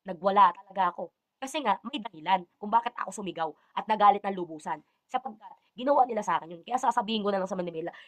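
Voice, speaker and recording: A woman's voice: medium pitch, quick pace, no echo. A woman ranting indignantly to the camera, defending herself and slipping into English phrases. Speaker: vlogger answering accusations. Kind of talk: heated personal rant to camera.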